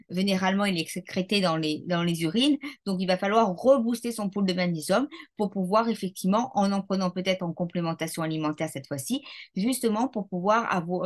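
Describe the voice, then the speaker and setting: A woman, a neuroscientist guest on a podcast, explaining science in a methodical, teacherly way with frequent hesitations. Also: mid-range voice. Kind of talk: explanatory interview talk.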